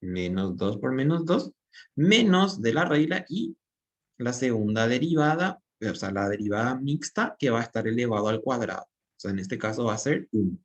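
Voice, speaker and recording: A man teaching a math class in an ordinary mid-range voice. He works through each step out loud as he writes and keeps asking himself questions that he then answers. His delivery is patient and methodical. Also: medium pitch, lively intonation, normal speed. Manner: explains step by step while writing, asks and answers his own questions. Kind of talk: recorded class lecture.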